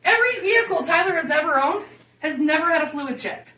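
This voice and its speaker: A woman's voice: extremely high pitch, animated, quick pace, echoey room, far from the mic, very noisy. A woman giving a profane, teasing roast, laughing through her jokes. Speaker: roast speaker. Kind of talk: casual roast toast.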